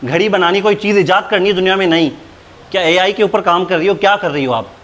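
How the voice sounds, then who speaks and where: Brash fast-talking prankster man. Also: high-pitched, a bit bright. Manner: brash, mocking, rapid-fire teasing. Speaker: prank host playing a rude cafe owner. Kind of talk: hidden-camera prank banter.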